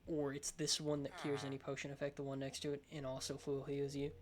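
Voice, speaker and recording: A man's voice: mid-range voice, completely flat delivery, a little fast. A man with a lisp giving casual, rambling game showcase commentary, often hesitant and unsure of himself. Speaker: gaming video host.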